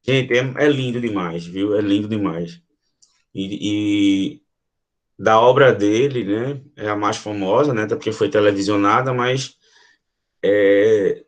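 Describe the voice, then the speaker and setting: A Brazilian man gives a literature lesson in a mid-range voice. He explains step by step, with many fillers and frequent check-ins with his students. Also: medium pitch. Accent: Brazilian Portuguese. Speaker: teacher.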